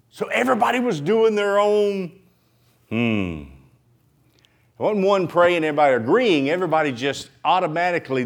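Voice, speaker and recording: A man preaching a sermon in church, animated, swinging from loud outbursts to quiet asides and acting out prayers. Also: sits high. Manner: acts out prayers in dramatic voices.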